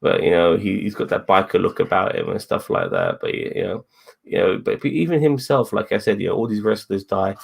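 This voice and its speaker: Very animated and a little fast, a man co-hosts a casual wrestling review discussion in a fairly low, fry-filled voice. He wanders off on tangents, repeats his wording, and swears freely.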